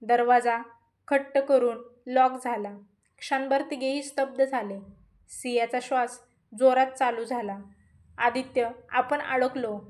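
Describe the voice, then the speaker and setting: A woman narrating a dramatic story in a steady, measured reading voice. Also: a little high.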